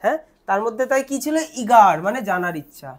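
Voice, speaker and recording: A woman's voice: mid-range voice, animated, a little mellow. A young woman teacher with a Bengali accent explains a lesson step by step, asking questions and answering them herself. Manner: asks questions and answers them herself, repeats words slowly.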